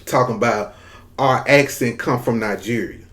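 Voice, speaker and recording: A man from Mississippi with a Southern drawl gives emphatic, repetitive opinion commentary directly to his viewers in a casual to-camera style. His medium-pitched voice is a bit bright and moves at normal speed.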